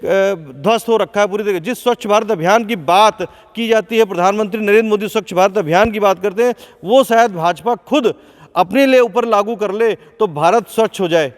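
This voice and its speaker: A male field reporter with a high voice gives an on-the-spot news report from inside a large indoor sports hall, speaking fairly quickly. He questions and accuses as he talks, and the big hall adds a long echo.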